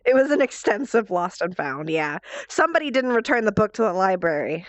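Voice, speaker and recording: A woman's voice: medium pitch, sing-song, brisk, no room sound, faint music behind. A woman with a nasal, stuffed-up whine, chatting casually and expressively on a livestream in a playful, self-mocking way. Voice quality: nasal, congested. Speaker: livestreamer and role-player.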